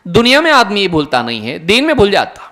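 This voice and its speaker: A man's voice: high voice, wildly swooping pitch, sharp tone. A man giving an earnest religious lecture to an audience, asking many rhetorical questions. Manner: earnest, rhetorical questions, mimics imagined listeners. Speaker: Islamic lecturer. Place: lecture hall.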